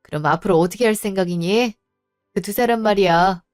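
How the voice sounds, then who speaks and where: A woman's voice: medium pitch, a little fast, a little mellow, no room sound, clean studio sound, faint music behind, lightly acted. A woman voicing an older mother who speaks sternly and practically to her daughter and protects her. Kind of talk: storybook voice acting.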